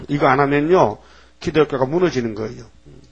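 A man preaching a storytelling sermon, reading scripture slowly and prodding his listeners with rhetorical questions. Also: medium pitch, gravelly, breathy edge. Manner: reads scripture slowly and solemnly. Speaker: pastor. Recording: muffled lo-fi recording.

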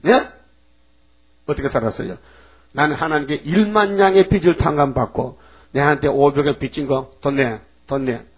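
A man preaching a storytelling sermon, reading scripture slowly and prodding his listeners with rhetorical questions. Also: mid-range voice, breathy edge. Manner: reads scripture slowly and solemnly. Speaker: pastor. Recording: muffled lo-fi recording.

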